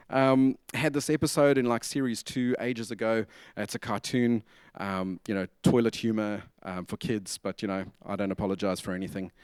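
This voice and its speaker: A man's voice: mid-range voice, clean tone, no echo. Chatty man giving a conference talk. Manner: chatty, asks audience for nods, jokey asides. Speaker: conference speaker. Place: conference venue.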